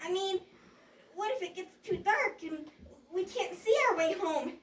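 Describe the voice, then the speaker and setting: Very high-pitched, childlike excitable puppet. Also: a little slow. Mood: worried. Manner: exclaiming, fretful, stammering. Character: childlike, excitable, easily frightened puppet sidekick. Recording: roomy echo, distant mic.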